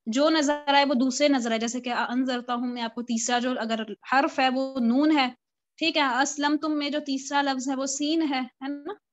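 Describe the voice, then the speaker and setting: High-voiced woman teaching over a video call. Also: fairly even intonation, moderate pace, muffled recording. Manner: patient step-by-step explaining, poses questions to students. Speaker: Quran recitation teacher. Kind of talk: live online class lecture.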